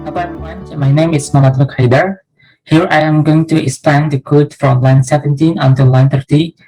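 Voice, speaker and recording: A man's voice: on the high side, steady tone, a little fast, warm tone, soft background music, rough recording. Young man methodically explaining code. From Indonesia. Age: young adult. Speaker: student presenter. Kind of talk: class project presentation.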